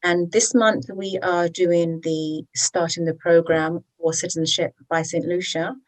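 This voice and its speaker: A woman's voice: lowish voice, steady tone, unhurried, low-quality recording. A woman hosting a webinar on citizenship services, chatty and encouraging, often checking in with "okay?". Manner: chatty and encouraging, with tag questions. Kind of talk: persuasive presentation.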